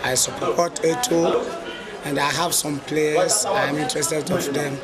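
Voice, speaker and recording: Man from northern Ghana, slightly high, slow, crowd behind. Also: steady tone, loud music behind the voice. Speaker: football fan.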